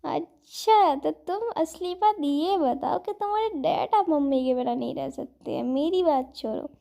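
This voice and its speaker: A woman doing a gentle, teasing young uncle. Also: sits high, measured pace, vocal fry. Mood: fond teasing.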